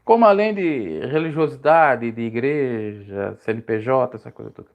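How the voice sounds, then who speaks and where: A man preaching informally on a live stream, with a voice of middling pitch. He rambles and corrects himself as he goes. His pitch leaps upward whenever he drives a point home. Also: expressive, normal speed, highs cut off. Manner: rambling, self-correcting, pitch swings high when emphatic.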